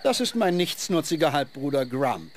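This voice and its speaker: A man's voice: a little high, sing-song, normal speed, a little hiss or hum. A man voicing the clever, prissy, scholarly head of a two-headed giant ogre in a video game, speaking in a pompous, fussy, lecturing way. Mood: pompous, apologetic. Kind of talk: fantasy video game acting.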